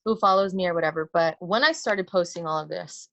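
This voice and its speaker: A woman in her early twenties from the United States, a guest on a talk show, speaking passionately and deliberately. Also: fairly low pitch, vocal fry, bright, forceful tone. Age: 20s. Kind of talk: earnest interview talk.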